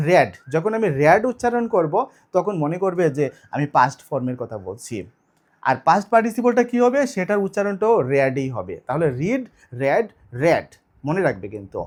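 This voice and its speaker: Man, online English teacher, slightly high voice, asks then answers own questions. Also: darkish tone. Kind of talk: online video lesson.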